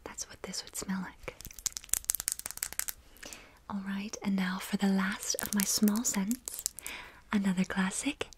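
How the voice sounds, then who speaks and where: A young woman whispering in an ASMR style, soft and intimate, close to the microphone, lingering on and repeating words. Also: medium pitch, flat delivery, slow, pauses often, background noise. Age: young adult. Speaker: ASMR video host.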